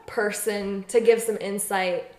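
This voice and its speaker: A woman's voice: mid-range voice, level tone, slow pace, a little mellow. Giggly young woman podcast host, echoey room. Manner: giggly, chatty, repeats phrases. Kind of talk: casual chat.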